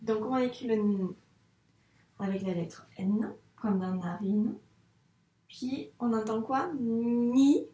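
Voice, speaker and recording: A woman teaching young children a dictation, patiently spelling out sounds and syllables clearly for a child. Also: mid-range voice, slow pace, pauses often, mellow. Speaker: primary school teacher. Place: room with a whiteboard. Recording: echoey room.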